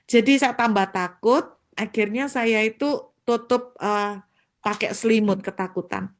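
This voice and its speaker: A woman pastor from Surabaya, telling a story in her sermon with lively acted-out voices. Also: fairly high pitch, measured pace. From Surabaya, Indonesia. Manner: animated, acts out voices.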